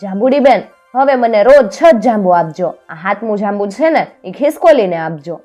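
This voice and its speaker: A woman's voice: medium pitch, animated, moderate pace, dark tone, soft background music, close to an everyday voice. A woman voicing a kind-hearted little boy in a storybook tale, eager and cheerful.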